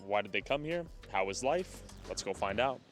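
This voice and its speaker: A man from the United States interviewing people on the street with brisk, short prompting questions. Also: fairly low pitch, expressive, soft background music. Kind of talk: on-location interview vlog.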